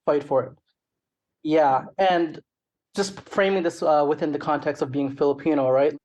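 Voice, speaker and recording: Speaking slightly high and a touch mellow, a middle-aged Canadian-accented man from Toronto rambles casually in an interview. The guest, a rapper and songwriter, leans on frequent "like" and "you know" asides.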